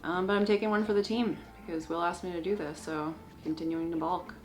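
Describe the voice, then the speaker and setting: A woman's voice: lowish voice, steady tone, brisk, a little mellow, faint music behind. A woman chatting casually and playfully with her partner in a vlog, teasing now and then. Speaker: vlogger's partner.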